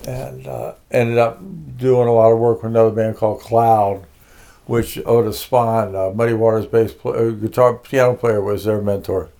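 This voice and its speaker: A man's voice: lowish voice, normal speed, dark tone. An older man from Connecticut, a music producer being interviewed, telling his life story casually with many fillers and restarts.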